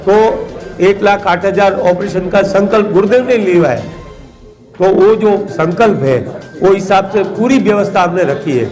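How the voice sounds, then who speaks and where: A middle-aged man speaks at a press conference, humble and devout in tone. His voice sits notably high for a man. Faint music runs underneath. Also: a little slow, darkish tone. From Gujarat, India. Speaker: charitable trust representative.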